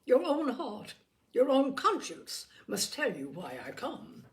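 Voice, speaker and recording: A woman's voice: high-pitched, sing-song, slow pace, pitched above the performer's own voice, full character voice. Woman voicing imperious Lady Catherine, dramatically swooping. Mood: indignant, haughty. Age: older. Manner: haughty, emphatic, commanding declamation. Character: imperious, indignant older aristocratic lady, haughty aunt. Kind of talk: dramatised classic novel audiobook.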